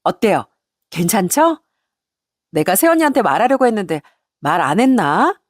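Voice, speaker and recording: A vain young sister-in-law, breezy and evasive, voiced by a woman narrator. Her voice bounces in lively pitch. It is recorded dry and close. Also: moderate pace, no echo.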